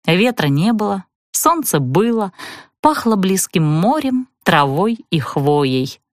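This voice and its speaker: Expressive woman audiobook narrator. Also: mid-range voice, slow, no echo, studio quality. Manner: expressive storytelling. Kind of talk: first-person audiobook narration.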